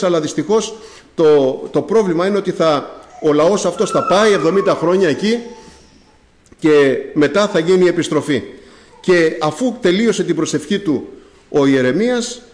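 A man's voice: fairly high pitch, animated, a little mellow, reverberant. A man preaching a sermon, addressing the congregation directly and breaking in often with thanks to God.

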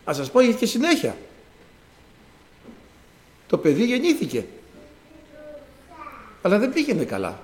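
Preaching to his congregation, a man with a high-sitting voice tells a personal testimony, pausing often. He shifts animatedly from loud exclamations to quiet asides and acts out sounds. The recording is in an echoey hall with slight background noise.

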